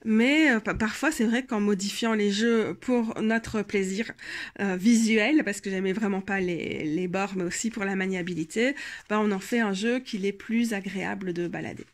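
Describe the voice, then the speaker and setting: A woman's voice: mid-range voice, normal speed. A young woman with a Belgian French accent, tired, chatting casually in a rambling show-and-tell about her tarot decks, full of fillers and self-corrections. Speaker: tarot vlogger.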